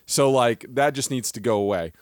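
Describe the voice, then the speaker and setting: A man co-hosting a podcast in casual chat, animated and quick to laugh at himself. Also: medium pitch, no room sound, studio quality. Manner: animated, laughs often, self-deprecating. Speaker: podcast co-host.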